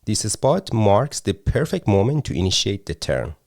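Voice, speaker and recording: A man working as a driving instructor, calmly explaining each step to a learner in a car. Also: fairly low pitch, normal speed, creaky, dry recording. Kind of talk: instructional talk and voice-over. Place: inside a car.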